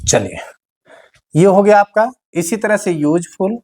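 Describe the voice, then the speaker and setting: A man with a high voice teaches a grammar lesson for exam students. He explains patiently and repeats key words. He speaks straight to his class. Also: lively intonation, unhurried, a little mellow.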